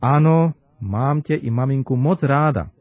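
A man voicing a loving, excitable little girl who pleads and cries out with emotion. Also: mid-range voice, no room sound, narrow, tinny audio, close to an everyday voice. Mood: excited.

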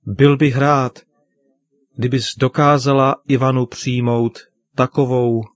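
A man voicing a patient, gentle father in a children's radio story, speaking in a calm, consoling way. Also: medium pitch, natural voice.

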